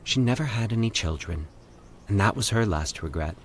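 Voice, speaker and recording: A man with a lowish voice plays an eerie, calm woman who speaks with the dead in an audio horror story. His delivery is a soothing, measured monotone, grave and calm, over slight background noise.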